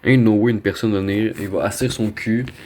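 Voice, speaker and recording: A Québécois man from Quebec, Canada, records a gaming video with casual, rambling commentary, slangy and sprinkled with English slang. His voice is lowish and warm, with fairly even intonation and a brisk pace.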